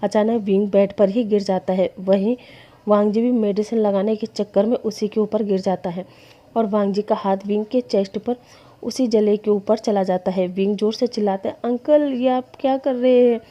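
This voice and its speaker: A woman's voice: medium pitch, fairly even intonation, normal speed, dark tone. A woman telling a story in a casual, chatty narration. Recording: dull lo-fi recording.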